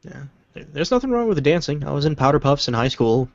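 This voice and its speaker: A man's voice: on the high side, big pitch swings, fast, gravelly, dry recording, dull audio. A man co-hosting a casual livestream, reading out questions and teasing his partner with dry remarks. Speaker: co-host asking questions.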